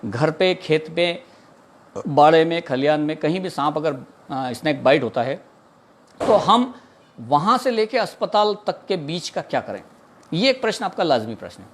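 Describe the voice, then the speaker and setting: A snake catcher from India with a fairly high, very animated voice talks at normal speed, earnestly answering a viewer's question in an informal talk. He repeats himself and mixes in English words.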